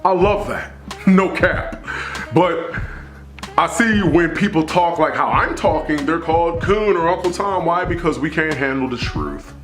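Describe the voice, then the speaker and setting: Male vlogger, slightly high voice, emphatic and repetitive, echoey room recording. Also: animated, measured pace, fairly bright tone, soft background music. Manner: emphatic, preachy, repeats phrases for stress. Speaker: commentary vlogger. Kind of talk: opinion monologue to camera.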